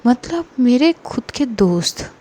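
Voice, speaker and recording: A woman's voice: on the high side, sing-song, slow pace, mellow, heavily acted. A woman voicing a hurt young woman who reproaches her friends in a storybook. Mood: hurt accusing.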